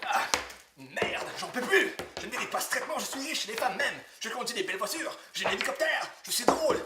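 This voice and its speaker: A man's voice: very high-pitched, animated, fairly quick, voice pushed up. A man playing a vain, boastful and incompetent millionaire in a comedy sketch, pompous, whiny and theatrical. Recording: roomy echo, faint noise.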